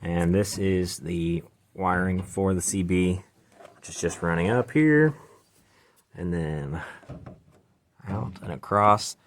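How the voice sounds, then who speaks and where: A man with a low voice hosts a laid-back DIY garage vlog, chatting informally as he works through a hands-on job. He speaks slowly with frequent pauses, and there's a slight hiss or hum in the recording.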